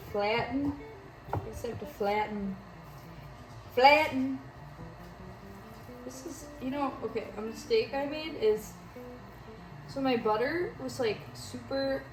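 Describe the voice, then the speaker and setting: A young woman with a Wisconsin accent chatting casually and self-deprecatingly as she bakes in her home kitchen. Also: fairly high pitch. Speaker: home baking vlogger. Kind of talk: casual chat while baking. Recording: roomy kitchen with background music.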